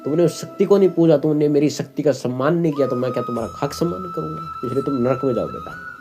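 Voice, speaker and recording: A man's voice: a little high, fast talker, close to an everyday voice. A man voicing a stern male god who rebukes a worshipper for neglect, over background music. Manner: rebuking, severe. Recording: music playing underneath.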